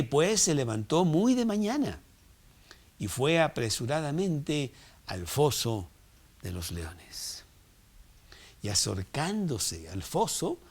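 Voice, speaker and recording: A male pastor preaching a sermon in an animated, exclamatory way, with conversational asides. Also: medium pitch.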